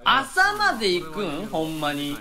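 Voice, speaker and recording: A young man in his twenties with a Kansai accent, delivering comic voice-over commentary as the straight man. He fires off sharp, exasperated retorts. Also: high voice, huge pitch swings, a little slow. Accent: Kansai Japanese. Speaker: comedian.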